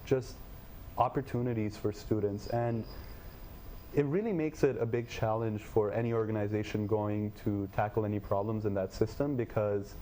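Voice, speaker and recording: A young man from Nepal, answering interview questions in a measured, thoughtful way with frequent fillers. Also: fairly low pitch, steady tone, mellow, slight background noise. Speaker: guest, education tech company head.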